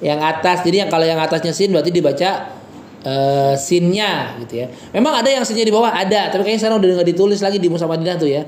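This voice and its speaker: A man teaching a relaxed Quran reading class, slowly chanting verses and then explaining in a chatty way with lots of fillers and everyday examples. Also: high voice, roomy sound, a little hiss or hum. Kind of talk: casual Quran reading lesson with recitation.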